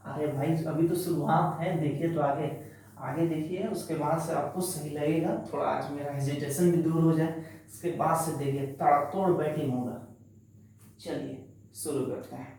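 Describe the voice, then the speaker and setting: A man's voice: on the high side, steady tone, normal speed, a little mellow, a little hiss or hum. A male teacher, giving a chatty, reassuring online lesson and repeating key words. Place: echoey classroom, writing on a board. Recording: very echoey room, voice from a distance.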